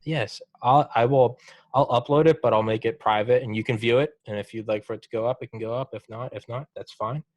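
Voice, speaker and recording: A young man hosting a podcast, chatting casually with a guest, swearing freely and telling stories with animated encouragement. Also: medium pitch, a little fast, no room sound. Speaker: podcast host. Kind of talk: casual chat.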